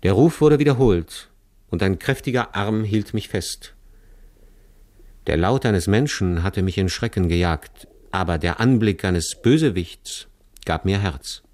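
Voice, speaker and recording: Low-voiced man reading a literary tale. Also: lively intonation, a little mellow, dry recording. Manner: measured, serious first-person storytelling. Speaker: audiobook narrator. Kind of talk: scripted literary narration.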